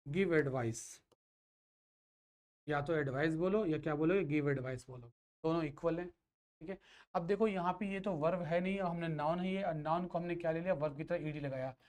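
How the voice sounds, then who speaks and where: A man's voice: on the high side, moderate pace, a little mellow. Man quizzing through a grammar lesson. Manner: asks and answers his own questions. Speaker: grammar teacher. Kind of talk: classroom lecture.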